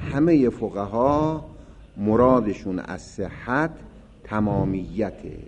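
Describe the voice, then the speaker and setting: Low-voiced man giving a seminary lecture. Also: a little mellow. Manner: reads Arabic text aloud, then explains it in Persian; raises voice for emphasis while explaining. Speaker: seminary teacher. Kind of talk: seminary lecture on Islamic legal theory. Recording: dull lo-fi recording with faint hiss.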